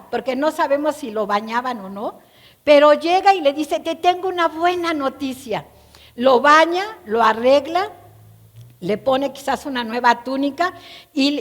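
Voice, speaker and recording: A woman preacher with a high voice tells a scripture story in a church, turning to her listeners with questions. A long reverb from the hall trails each phrase. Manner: storytelling, asks the audience questions. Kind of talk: sermon.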